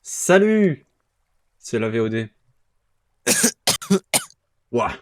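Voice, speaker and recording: A young man streaming a game, chatting casually and shouting spell names into his mic. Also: mid-range voice, very animated, very slow, background noise. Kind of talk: casual gaming stream chat.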